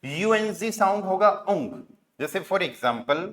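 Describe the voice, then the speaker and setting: In a classroom lesson on German pronunciation, a Hindi-speaking man spells out words one letter at a time and pronounces them slowly. His voice is high and expressive, and he frequently checks in with "right?" and "okay?".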